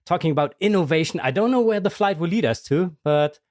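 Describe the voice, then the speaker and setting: A man's voice: fairly high pitch, expressive, quick pace, darkish tone, dry recording, studio quality. A man hosting a podcast, reading a guest introduction and then chatting upbeat with his guest. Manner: upbeat, with airline travel framing. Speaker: podcast host. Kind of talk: podcast interview, read intro then casual chat.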